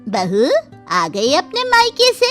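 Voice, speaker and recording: A woman voicing a calm, patient elderly mother-in-law in a cartoon, gently scolding. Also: sits high, slow pace, over loud music, heavily acted. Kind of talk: cartoon voice acting.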